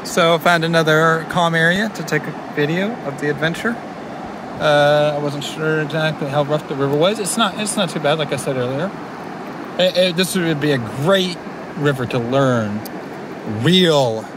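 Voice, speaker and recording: A man's voice: fairly high pitch, normal speed, noisy background. A man casually narrating a vlog from a kayak on a river, rambling with restarts and fillers. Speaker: vlogger. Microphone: handheld camera.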